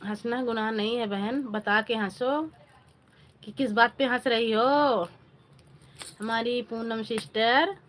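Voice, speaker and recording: A woman's voice: fairly high pitch, steady tone, slow pace, pauses often, fairly bright tone, slight background noise. A woman hosting a casual live stream on her phone, chatting with viewers, greeting them by name and asking for likes. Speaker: livestream host.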